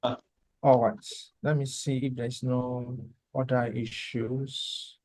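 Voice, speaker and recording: A man teaching an online class over a video call, who checks on his listeners and fills pauses with "uh". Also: medium pitch, level tone, a little mellow, rough recording. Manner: unhurried, checks the audience often, fills pauses with "uh" and "you know". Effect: heard over a video call. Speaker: lecturer.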